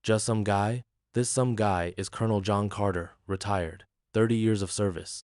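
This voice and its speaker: Guy reading as a grim old army general, cold and clipped, low voice, dry sound. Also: fairly even intonation, moderate pace, darkish tone, dry recording, close to an everyday voice. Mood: stern. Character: stern commanding older male general.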